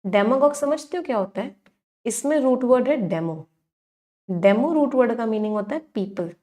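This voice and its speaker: A woman's voice: fairly high pitch, lively intonation, normal speed, dark tone. A young woman teaching exam-prep vocabulary, mixing in terms, asking questions and answering them herself.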